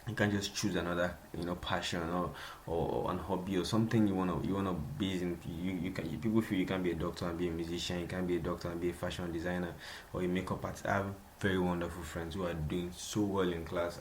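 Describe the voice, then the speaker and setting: Speaking fast in a low, steady tone, the young Nigerian-accented man hosts a laid-back solo podcast. He tends to repeat himself and laughs often; the audio carries a slight hiss or hum.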